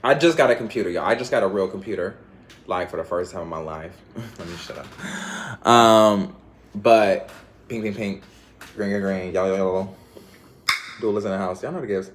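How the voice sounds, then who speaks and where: This vlogger speaks directly to his audience in a lowish voice at an ordinary pace, pausing often. His monologue wanders loosely through scattered thoughts, packed with slang and frequent laughter.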